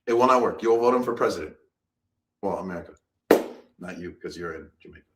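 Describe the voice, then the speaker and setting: A man's voice: low-pitched, fast talker, a bit bright, reverberant. A man co-hosting a casual live-stream chat, rambling and repeating himself as he talks. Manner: rambling, repeats phrases, laughs often. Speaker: co-host.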